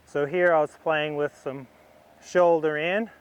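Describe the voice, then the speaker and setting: As a riding instructor, a man talks through a demonstration in a smooth, slightly high voice with fairly even intonation. He takes his time at a markedly slow pace, laying out each step in short phrases as though thinking aloud. The audio is poor.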